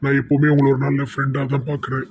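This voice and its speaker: A man with a Tirunelveli Tamil accent voicing a torn, soft-hearted young man in a cartoon, lamenting to god. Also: medium pitch, very fast, husky, close to an everyday voice. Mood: anguished. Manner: flat, lamenting, calls on god.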